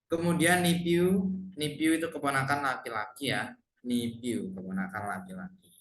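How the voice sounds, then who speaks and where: A man with an Indonesian accent teaching English family words in a relaxed online lesson, repeating each word and then translating it. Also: medium pitch, normal speed. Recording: echoey room, faint noise.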